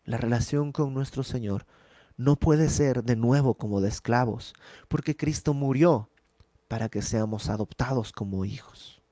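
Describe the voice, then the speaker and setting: A man's voice: medium pitch, a little slow, warm tone, no room sound. Earnest man teaching scripture. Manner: earnest, emphatic, conversational teaching. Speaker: Bible teacher. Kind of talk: verse-by-verse Bible study.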